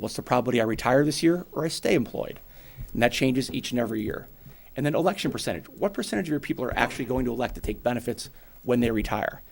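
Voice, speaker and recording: This is a medium-pitched man in his forties, New England accent and vocal fry, giving a financial presentation to a town board at a public meeting. He keeps it brisk and straightforward, illustrating points with ordinary examples.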